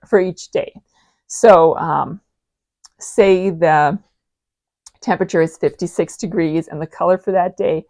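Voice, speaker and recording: Woman, forties, knitting vlogger, casual rambling chat, slightly low pitch, dry room. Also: a little mellow, no echo. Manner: chatty, rambling, with many ums and restarts. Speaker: knitting podcast host. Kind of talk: casual show-and-tell chat.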